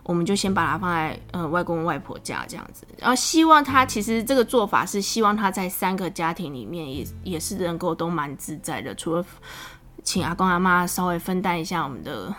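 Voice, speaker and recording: A woman in her thirties with a Taiwanese Mandarin accent, telling a story about her child in a casual, animated way, often laughing. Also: fairly low pitch, a little fast, soft background music. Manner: chatty, animated, laughs often, voice rises when exasperated. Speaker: podcast host, mother.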